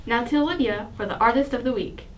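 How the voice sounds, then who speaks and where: A woman's voice: on the high side, fast, a little hiss or hum. A teenage girl reading scripted announcements as a student anchor and reporter.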